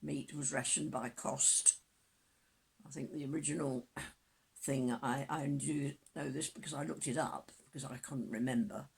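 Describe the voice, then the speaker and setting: A woman in her nineties reminiscing in a casual interview, with an aged, husky voice and a halting, self-correcting way of talking. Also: very deep voice, steady tone, darkish tone. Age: 90s. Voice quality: husky, creaky elderly voice.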